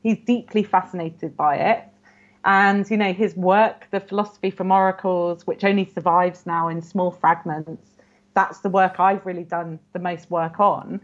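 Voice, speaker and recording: A woman's voice: lowish voice, steady tone, moderate pace. A woman scholar in an interview, explaining ancient texts earnestly and often saying "you know". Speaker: guest scholar. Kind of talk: academic interview. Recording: muffled lo-fi audio.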